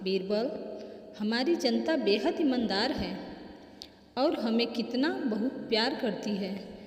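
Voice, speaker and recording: A woman's voice: fairly high pitch, expressive, slow pace. Woman reading as a boastful male emperor. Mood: proud. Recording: echoey room with long reverb.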